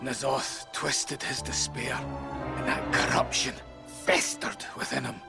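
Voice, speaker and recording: Smooth cocky fantasy hero in a game, theatrical, wry, really loud music behind him. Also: male voice, medium pitch, level tone, slow. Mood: grave. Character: suave, wry, self-assured male champion of the realm. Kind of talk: video game character acting.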